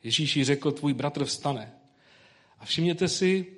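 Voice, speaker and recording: A man's voice: on the high side, expressive, fairly bright tone. Man reading scripture and preaching. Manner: reads scripture slowly, then preaches informally with colloquial fillers.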